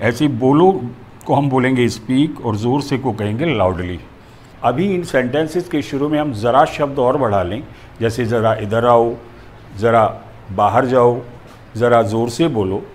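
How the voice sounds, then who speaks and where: A man's voice: medium pitch, a little hiss or hum. A male teacher explaining a grammar lesson, methodical and going through examples step by step.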